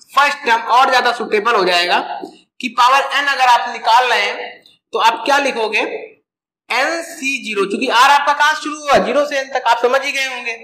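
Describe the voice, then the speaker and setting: High, bright-voiced man teaching math. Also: reverberant, slight background noise, poor audio. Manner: explains step by step, asking and answering his own questions. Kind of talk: whiteboard math lesson.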